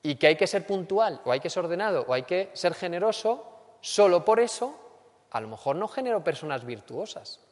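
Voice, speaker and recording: Lively Spanish-accented lecturer in a reverberant hall. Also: male voice, high voice, normal speed. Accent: Spain Spanish. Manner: lively, acts out everyday complaints. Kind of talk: lecture on character education.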